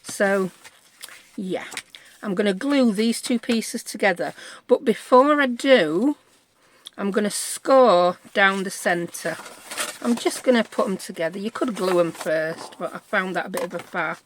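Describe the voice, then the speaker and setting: A woman's voice: mid-range voice, a little slow, slight background noise. A British woman giving a casual step-by-step craft demonstration, chatting and thinking aloud as she checks in with listeners. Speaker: craft tutorial host.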